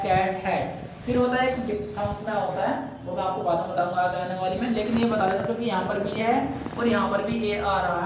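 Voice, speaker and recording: A man's voice: high voice, a little hiss or hum. A man teaching a casual video lesson, calling the viewers "guys" and stretching out and repeating sounds to demonstrate them. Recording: very echoey room.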